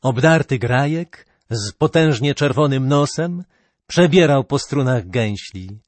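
A man narrating a legend as an audiobook in a measured, expressive storytelling way. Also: mid-range voice, dry recording.

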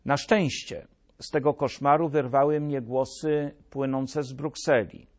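A man's voice: medium pitch, fairly even intonation, measured pace. Sarcastic man in a mock-solemn commentary. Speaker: political commentator. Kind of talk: scripted satirical commentary.

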